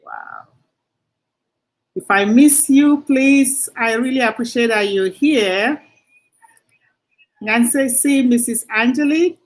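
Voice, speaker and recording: Slow, effusive woman hosting a livestream. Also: on the high side. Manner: effusive, greets viewers by name. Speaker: livestream host. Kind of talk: casual livestream greeting.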